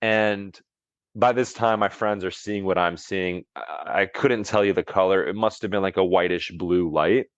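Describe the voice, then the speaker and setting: Here a man with a low-pitched, steady voice and clean tone talks at a moderate pace, captured on lo-fi audio with no room sound. A longevity coach on a podcast, he tells a story in a loose, rambling way, saying "like" often and restarting.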